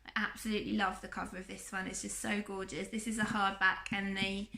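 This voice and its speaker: A woman with a croaky voice from a cough, chatting casually and rambling through a book haul with lots of ums. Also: mid-range voice, level tone, fairly quick, sharp tone, echoey room. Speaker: book vlogger.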